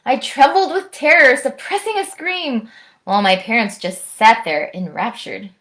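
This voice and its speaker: An American woman reading aloud and chatting to young children in an expressive storytime manner. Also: on the high side, moderate pace. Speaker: orchestral musician, guest storytime reader.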